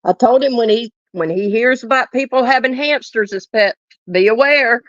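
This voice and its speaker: A woman's voice: on the high side, normal speed, dry recording. A woman co-hosting a livestream in casual gossip commentary, snarky and teasing, laughing at her own jokes. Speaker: livestream co-host. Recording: dull dry lo-fi stream audio.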